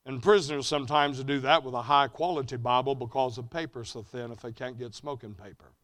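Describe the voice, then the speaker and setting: A man preaching a sermon at a mission conference, rising to loud emphatic peaks and then dropping low and quiet. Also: fairly even intonation, a little fast.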